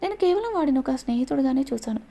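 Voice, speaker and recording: Brief: a woman reading as a troubled young heroine, pleading, soft and mellow. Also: high voice, animated, rapid-fire, vocal fry.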